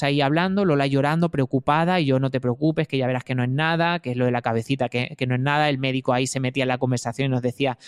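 A man's voice: mid-range voice, smooth, no echo, clean studio sound. A man from Spain, a new father, telling his story in an earnest, detailed way with many hesitations. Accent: Spain Spanish. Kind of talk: casual storytelling.

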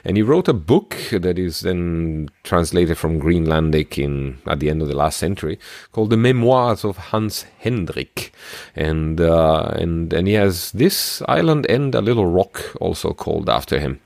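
A man's voice: low-pitched, animated, measured pace, vocal fry, hardly any pauses, a little mellow, no room sound. A man co-hosting a podcast, nasal from a cold, explaining things carefully in casual chat. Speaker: podcast co-host.

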